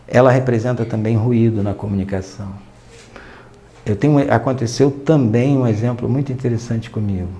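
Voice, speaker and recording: A man's voice: medium pitch, moderate pace, warm tone. A man with a Brazilian Portuguese accent, a teacher explaining a lesson at length and acting out short quoted exchanges. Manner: explanatory, quoting and acting out small dialogues. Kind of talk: recorded online lesson.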